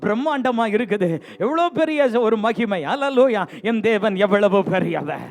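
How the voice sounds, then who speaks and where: A man preaching a lively bilingual sermon in church, exhorting and teasing the congregation and repeating refrains for them to answer. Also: high-pitched, normal speed, vocal fry. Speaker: pastor. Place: church sanctuary.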